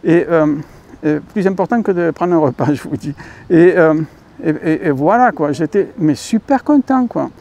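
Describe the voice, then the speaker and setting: A man's voice: on the high side, lively intonation, moderate pace, a little mellow. A man with a French accent hosting his own channel, talking in a rambling casual monologue full of fillers and self-corrections, calling viewers dear friends. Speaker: YouTube channel host.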